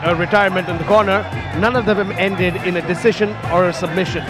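A man's voice: sits high, fairly even intonation, quick pace. A man calling a live mixed martial arts fight as play-by-play commentator. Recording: live arena broadcast, crowd and music behind.

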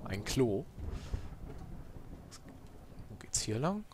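A man's voice: mid-range voice, sing-song, drawn-out words, noisy background. A man giving casual, joking commentary while playing a video game, with sarcastic asides. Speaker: let's player.

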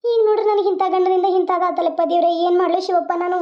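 A woman voices a wronged young bride in a village cartoon, complaining and pleading in a very high, fast voice with fairly even intonation. The recording is dull and lo-fi.

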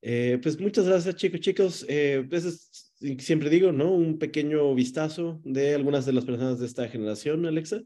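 A man in his forties hosting an online journalism workshop from a room at home, speaking in a measured way with many hesitations. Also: fairly high pitch, mellow. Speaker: workshop moderator. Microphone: video call.

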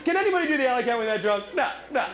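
A man's voice: very high-pitched, expressive, racing. A male stand-up comedian in a chatty routine, teasing the crowd with rhetorical questions and laughing at his own jokes. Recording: echoey, muffled club recording with loud noise.

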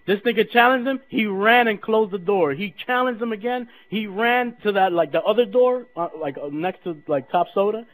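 A man's voice: high voice, normal speed, few pauses, a bit bright. A young American man chatting with his gaming team in hyped, sweary frat-bro slang. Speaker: online tournament player. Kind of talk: casual gaming team chat. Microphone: gaming headset over online voice chat. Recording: noisy game voice-chat headset.

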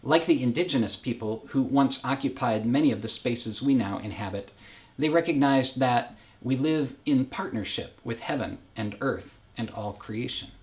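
A man preaching a reflective, personal sermon in a measured way, as pastor of a faith community. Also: medium pitch, darkish tone.

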